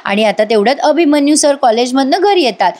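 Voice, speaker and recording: Brief: woman serial reviewer, slightly high voice, chatty voice-over recap. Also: lively intonation, brisk, darkish tone. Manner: chatty, addresses viewers directly.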